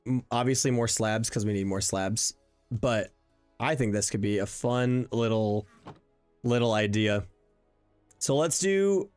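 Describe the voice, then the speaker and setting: A man's voice: mid-range voice, darkish tone. A young man thinking aloud while streaming a block-building game, chatty and full of fillers, answering viewers as he plays. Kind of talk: casual live-stream gameplay commentary. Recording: faint background music under the voice.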